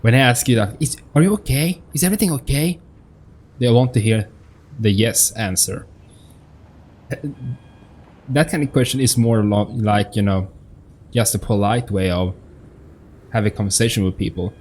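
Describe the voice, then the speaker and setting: A let's-player gives casual game commentary in a lowish, slightly mellow voice at a normal speed, with some background noise behind him. He hesitates, leaves long pauses, and often repeats himself while hunting for words.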